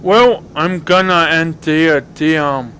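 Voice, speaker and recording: A man casually commenting while playing a game, halting and mumbling with filler words. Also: a little high, bright, forceful tone, a little hiss or hum. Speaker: gameplay commentator.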